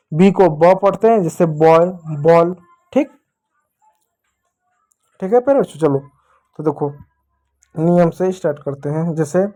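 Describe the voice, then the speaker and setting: A man's voice: high voice, mellow. A man teaching English to children at a whiteboard, explaining patiently and asking rhetorical questions, with a North Indian Hindi accent.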